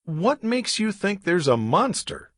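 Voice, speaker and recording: A man's voice: high-pitched, very animated, measured pace, a bit bright, no room sound, clean studio sound, pitched above the performer's own voice, full character voice. A man voicing an earnest fifth-grade boy scientist who speaks carefully and formally in a storybook reading.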